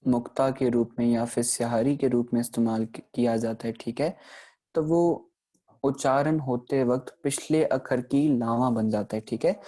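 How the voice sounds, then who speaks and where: A man giving a recorded lesson on pronunciation, explaining patiently and often pausing to check in with his listeners, slowing down to sound out example words. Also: medium pitch, warm tone. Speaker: teacher. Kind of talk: recorded online grammar lesson.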